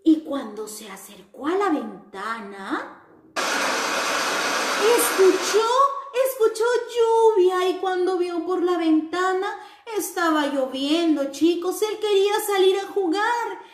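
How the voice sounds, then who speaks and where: A woman teaching young children, telling them a story in a slow, animated, sing-song way. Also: very high-pitched, slight background noise. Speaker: preschool teacher. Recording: roomy echo.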